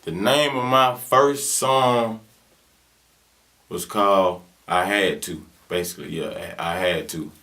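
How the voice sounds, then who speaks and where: This man's fairly low voice sounds pushed and bright, and he speaks slowly. He's a rapper in his twenties from Birmingham, Alabama with a Southern US accent, answering an interview in laid-back slang full of fillers.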